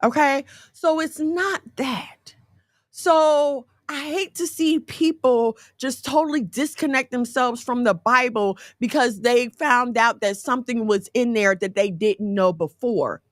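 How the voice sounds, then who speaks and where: A woman in her forties giving casual, animated faith talk in a conversational, folksy way. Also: a little high, unhurried, no room sound, studio quality. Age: 40s.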